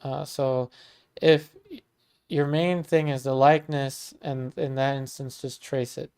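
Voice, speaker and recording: With a gravelly, mid-pitched voice and a measured pace, a laid-back man in his thirties from Maryland, USA, teaches painting over a livestream. He reads viewer comments, thanks people warmly, and talks in a relaxed, chatty way with many ums and restarts.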